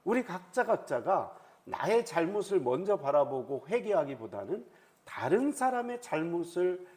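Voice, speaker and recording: A male pastor giving an early morning prayer sermon, acting out quoted speech with lively delivery. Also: fairly high pitch, moderate pace. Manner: animated, acts out quoted speech.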